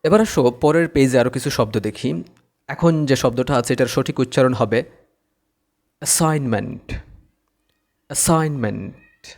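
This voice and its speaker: A man's voice: mid-range voice, moderate pace, darkish tone. A man teaching English pronunciation, patiently repeating each word twice. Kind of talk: slow-paced pronunciation lesson.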